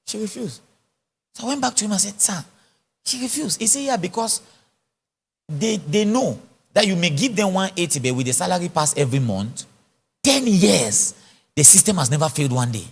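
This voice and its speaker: A man preaching at a conference, answering questions and telling stories in an animated way. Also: high voice, a little fast, creaky, long pauses, slightly rough. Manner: animated, storytelling, laughs often. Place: church conference hall. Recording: large echoey hall.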